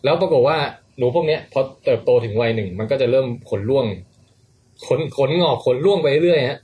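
A man hosting a casual podcast chat, explaining a science story in an animated, playful way. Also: medium pitch, brisk.

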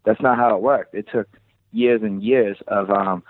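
Telling stories over a thin, phone-like line of radio quality, a man guesting in an interview speaks candidly, slangy and swearing freely in casual chat. He's the creative director of a sneaker shop, with a fairly low voice, steady tone, and moderate pace.

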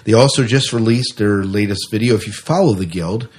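An American podcast co-host chats casually through science fiction news. His voice is lowish and his delivery brisk.

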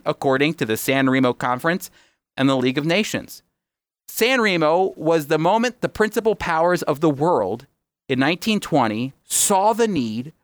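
Hosting a radio program, a man with a fairly high-pitched voice explains things in an emphatic, teacherly manner, frequently posing questions and answering them himself. The recording has no echo.

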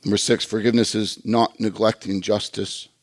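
A man's voice: fairly low pitch, little pitch movement, normal speed, dry recording. A man preaching a sermon in an earnest, conversational way, often repeating words as he goes. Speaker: pastor.

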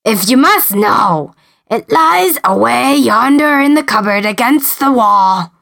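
A woman putting on a slow booming giant. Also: lively intonation, gravelly, a bit bright, full character voice. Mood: gruff. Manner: slow, booming, drawn-out words. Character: gruff slow-talking male giant.

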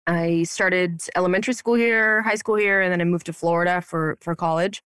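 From the upstairs office of the dental practice she owns, a Romanian hygienist in her thirties chats on a podcast in a playful, slang-filled way, saying "like" a lot. Her voice is lowish, steady, smooth and fairly bright, a little fast, with studio quality and no echo.

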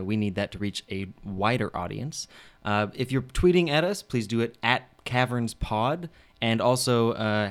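A man playing a tabletop role-play game, laid-back and joking. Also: on the low side. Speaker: player.

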